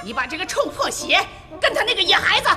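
A woman's voice: very animated, quick pace, bright, forceful tone, heavily acted. A furious blind old mother. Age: older. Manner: shrill, scolding, wailing. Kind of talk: TV period drama acting. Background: drama score music.

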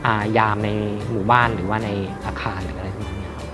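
A man giving an informal product demonstration as a seller, haltingly, with many repeats and hesitations. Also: fairly low pitch, fairly even intonation, music in the background. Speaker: radio equipment seller.

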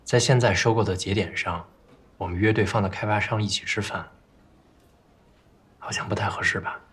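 A young assistant with a low, husky voice who chooses his words carefully. He is polite but keeps probing for the facts. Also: fairly even intonation, moderate pace, a bit bright. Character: cautious, sharp young male assistant. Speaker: executive assistant.

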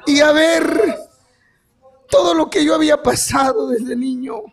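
A man giving a fervent testimony sermon as guest preacher, rising to shouts and calling out to his brothers. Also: extremely high pitch, a little slow.

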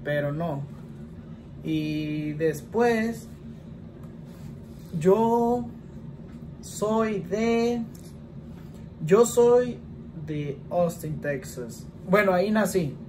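In a home vlog shot in a small indoor room against a plain wall, a man in his twenties with a Mexican Spanish accent chats casually, answering questions in a rambling way and often ending lines with "¿verdad?". His high, expressive voice has a darkish tone, with drawn-out words and frequent pauses. The rough recording carries a slight hiss or hum.

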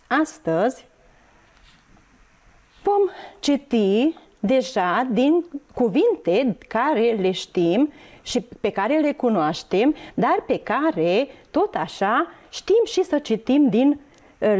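Woman, schoolteacher, slightly high-pitched, careful letter-by-letter delivery. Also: sing-song, a little mellow. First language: Hungarian. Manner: slow, clear, spelling out letters one by one. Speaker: primary school teacher. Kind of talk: televised classroom lesson.

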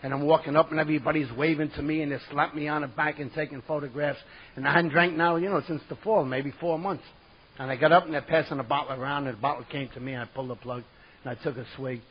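New York man, husky and a bit high, theatrical comic storyteller, dull lo-fi tape. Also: steady tone, fast talker. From New York City. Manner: vivid, self-mocking and theatrical. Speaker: recovery meeting speaker. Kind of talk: comic personal storytelling to an audience.

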